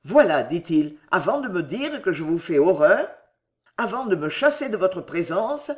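Man doing a shaken young sword fighter, hoarse and stammery, voice swings around a lot. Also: high-pitched, very animated, moderate pace. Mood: desperate.

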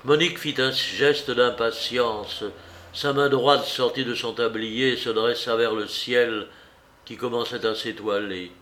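A man reading a novel aloud in a measured, somber storytelling manner. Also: medium pitch, fairly even intonation, fairly bright tone, a little hiss or hum. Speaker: narrator. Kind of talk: audiobook reading.

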